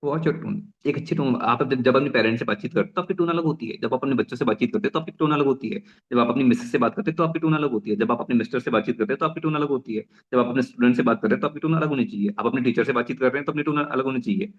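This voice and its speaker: Fast-talking business trainer, man. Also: mid-range voice, dull audio. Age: young adult. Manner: energetic, repeats and restarts phrases; mixes English phrases into Hindi. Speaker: network marketing trainer. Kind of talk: motivational business talk.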